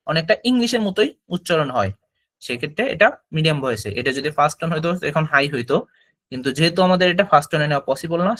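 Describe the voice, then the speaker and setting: A man's voice: a little high, fairly bright tone. Man teaching Chinese tones. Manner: explains patiently, models syllables aloud and asks the class to repeat. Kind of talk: classroom lesson on tones.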